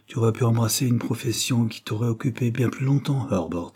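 A man's voice: mid-range voice, brisk, mellow, husky, natural voice. A man reading aloud voices a stern middle-aged father who reproaches his sons. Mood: reproachful. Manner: reproachful, dry.

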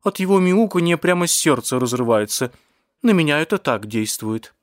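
A man voicing a soft-hearted bistro kitchen maid, gushing with pity. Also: on the high side, animated, normal speed, no room sound, studio quality, voice pushed up, lightly acted. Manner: pitying, gushing.

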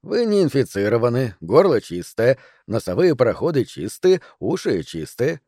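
A calm, patient doctor, as a male narrator voices him, explaining things in a measured and reassuring way. His middle-pitched voice is recorded close and dry, as in an audiobook. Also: no room sound.

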